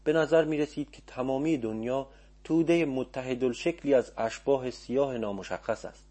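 A man narrating an audiobook in a calm, measured storytelling manner. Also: mid-range voice.

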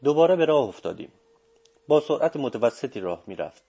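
A man narrating a first-person audiobook in a measured, steady reading. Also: medium pitch, slightly rough.

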